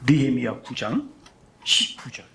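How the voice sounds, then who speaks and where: A male pastor preaching a sermon, telling stories with drama, dropping to a hush and rising to a shout, and putting questions to the congregation. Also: medium pitch, unhurried, creaky, slight background noise. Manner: animated storytelling, swings from hushed to shouting.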